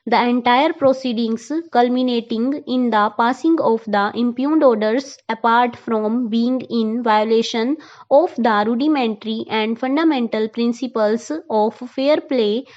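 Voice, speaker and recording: A woman reading a court judgment as steady shorthand dictation, saying each full stop and bracket aloud. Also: fairly high pitch, muffled recording. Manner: measured, reads punctuation aloud. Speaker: dictation reader. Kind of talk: legal dictation at a set pace.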